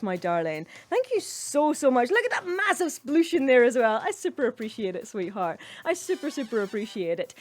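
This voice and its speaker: A woman hosting a cabaret livestream in casual chat, effusively thanking viewers and calling them darling and sweetheart. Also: on the high side. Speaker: cabaret host.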